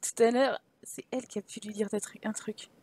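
A woman's voice: fairly high pitch, steady tone, a little fast, a little mellow, husky. A young woman giving casual commentary while playing a life-simulation game, talking to her characters and swearing at the game in exasperation. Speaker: Sims let's play streamer.

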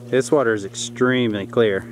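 A man in his thirties chatting casually on a hike in the woods, relaxed and loose with many fillers. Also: medium pitch, moderate pace, over music. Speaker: vlogger. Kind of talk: casual outdoor vlog chat. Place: outdoors in the woods by a lake. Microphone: camera mic, some distance away. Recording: distant outdoor mic with noticeable noise.

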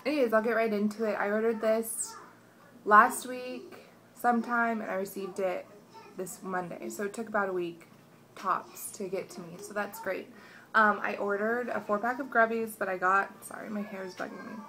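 A woman's voice: mid-range voice, fairly even intonation, moderate pace, sharp tone. A young woman chatting casually through a haul video at home, rambling with many restarts and sounding stuffed up. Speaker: vlogger. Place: home, morning.

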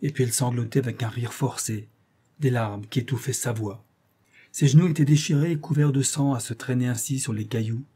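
A man reading a literary audiobook aloud with measured, expressive narration. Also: medium pitch, breathy edge. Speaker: audiobook reader.

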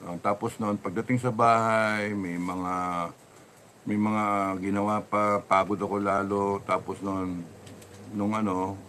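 A man speaks in a lowish voice and tells a personal story casually. He rambles and halts, often restarting his sentences. A faint noise sits behind him. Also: level tone, fairly bright tone. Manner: rambling, halting, many restarts.

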